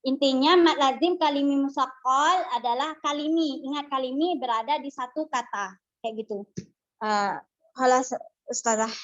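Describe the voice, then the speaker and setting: Woman, student presenter, halting, pauses for terms, high voice, muffled lo-fi call audio. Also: a bit bright. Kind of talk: reciting a lesson summary.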